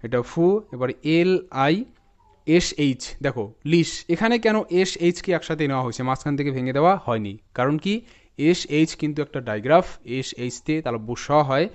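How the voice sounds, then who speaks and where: A man with a Bengali accent teaching English spelling and pronunciation, explaining patiently, breaking words into parts, repeating them slowly and often checking in with his viewers. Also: fairly high pitch, expressive. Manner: talks straight to viewers, often checking in with "okay?".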